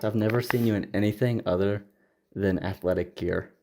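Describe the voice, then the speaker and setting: A man's voice: on the low side, fairly even intonation, moderate pace, over loud music. A young man co-hosting a casual chat, teasing his friend and laughing often. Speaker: podcast co-host. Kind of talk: casual banter.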